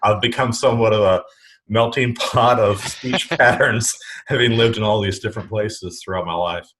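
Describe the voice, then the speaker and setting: Speaking at normal speed in a voice on the low side with a slight brightness, a middle-aged Chicago-suburbs retail educator guests on a podcast interview. He's thoughtful and tends to repeat words whenever he restarts a phrase.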